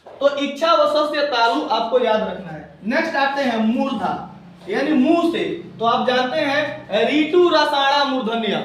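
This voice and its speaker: A man's voice: extremely high pitch, fairly bright tone, slight background noise. A man teaching a grammar lesson, drilling points over and over with call-and-response questions. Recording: very echoey room, distant mic.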